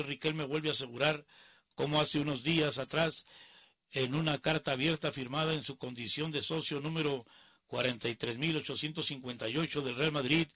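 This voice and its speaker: Reading the news out loud, this man keeps interrupting himself with scornful, opinionated remarks between passages. His mid-range voice is bright and forceful, with no echo, and the commentary stays casual.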